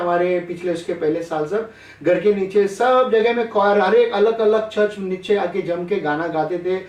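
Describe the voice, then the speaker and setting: A man's voice: high voice, a little mellow, roomy sound, far from the mic, rough recording. A man preaching a sermon in a chatty way, often asking his listeners questions. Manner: conversational, asks the audience questions. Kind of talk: sermon over online call.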